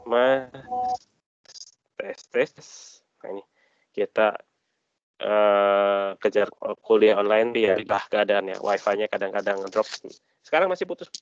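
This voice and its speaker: A man's voice: fairly low pitch, a little slow, long pauses, clean tone, muffled recording. A man teaching an online class while his call audio keeps breaking up. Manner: patient, asks class questions. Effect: choppy, breaking-up online call audio. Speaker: lecturer.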